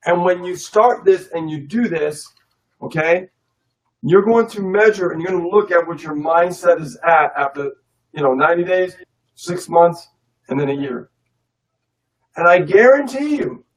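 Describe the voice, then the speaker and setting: Guy cohost pushing a daily reading habit, kinda high voice, sounds far from the mic. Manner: coaching, emphatic, repeats key points. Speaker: co-host of online business webinar. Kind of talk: casual motivational talk.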